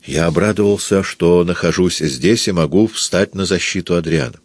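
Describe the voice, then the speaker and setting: A man narrating a literary novel for an audiobook in a measured, expressive manner. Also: low-pitched, slightly rough, no room sound.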